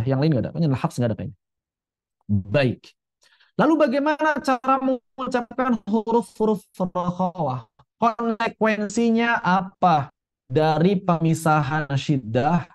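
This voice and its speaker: A man teaching a Quran recitation lesson, explaining letter sounds in a relaxed, chatty way and repeating each example slowly. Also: on the high side, dull audio. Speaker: tajwid teacher.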